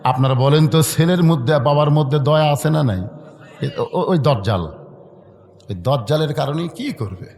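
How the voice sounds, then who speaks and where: A man's voice: a little high, normal speed. A man with a Bogura accent from northern Bangladesh, preaching a storytelling sermon and putting questions to the crowd. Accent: northern Bangladeshi Bengali (Bogura). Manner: animated, addresses the crowd with questions. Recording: echoey hall with long reverb.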